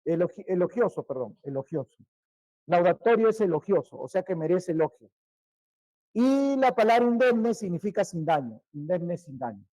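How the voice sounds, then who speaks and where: A male teacher, giving a vocabulary lesson, repeating each word more and more quietly and quizzing his students. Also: high-pitched, very animated, moderate pace, no room sound, poor audio. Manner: repeats words, trailing off quieter, asks questions.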